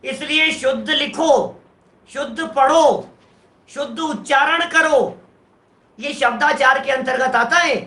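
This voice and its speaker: In a sermon, this male Jain preacher unpacks a verse one phrase at a time, asking the audience rhetorical questions along the way. He speaks slowly in an extremely high, sharp voice, and the sound is roomy.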